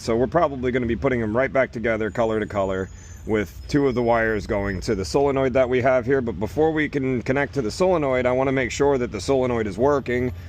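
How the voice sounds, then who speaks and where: A man's voice: medium pitch, a little mellow, slight background noise. Man explaining sprinkler repair hands-on. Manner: plain, practical, talks through each step. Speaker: irrigation technician. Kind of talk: casual how-to explanation while working. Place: outdoors at a job site.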